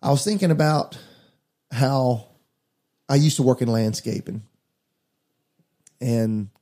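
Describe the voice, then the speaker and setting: A man's voice: mid-range voice, takes it slowly, warm tone. A man, a pastor, talking earnestly about faith in a casual conversation, preaching as he goes. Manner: earnest, preachy, addresses listeners as guys.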